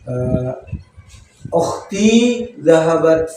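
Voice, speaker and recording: A male student works through translations with many pauses and hesitant "eh" sounds. He speaks very slowly in a mellow, slightly raised voice. He sounds distant from the mic, in a heavily echoing room. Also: a little high, a little hiss or hum. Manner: halting, searches for words with many "eh".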